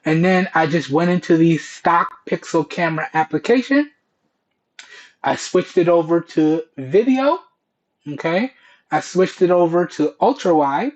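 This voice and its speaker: A man with a fairly high voice talks like a casual tech reviewer addressing his viewers. His phrasing is colloquial and he keeps checking in as he explains. The sound is dull and lo-fi, captured on Bluetooth earbud headset microphones. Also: a little mellow. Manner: colloquial, repeatedly checks in with "okay" and "all right". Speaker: tech reviewer, video host. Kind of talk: casual product test presentation to camera.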